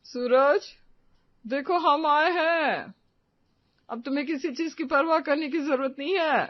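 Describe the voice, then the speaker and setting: A woman's voice: mid-range voice, wildly swooping pitch, takes it slowly, slightly rough, no echo, lo-fi sound, heavily acted. A woman playing a pushy, falsely sweet sister-in-law who consoles her relative. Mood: overbearing. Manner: consoling, overbearing.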